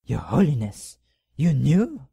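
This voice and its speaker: An actor playing a power-hungry cardinal who talks to the pope in a condescending, mock-polite way in an audio drama. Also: male voice, medium pitch, sing-song, slow, a little mellow, no echo. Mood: sneering.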